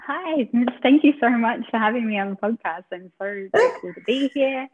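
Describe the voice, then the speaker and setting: A woman's voice: fairly high pitch, animated, moderate pace, slight background noise. A woman, a podcast guest speaking in a grateful, casual way with many "um"s and "yeah"s. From Australia. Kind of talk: casual interview chat. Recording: tinny phone-like line, dry.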